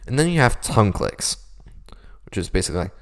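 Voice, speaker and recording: Young man, very low voice, lively intonation, casual beatbox tutorial, self-deprecating. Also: quick pace. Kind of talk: casual vocal technique tutorial.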